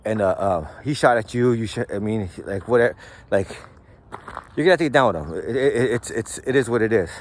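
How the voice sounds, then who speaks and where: A man's voice: on the low side, expressive, fairly quick, slight background noise. Slangy man talking casually. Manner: slangy and profane, lots of "like" and "right?". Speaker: host. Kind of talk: casual storytelling monologue.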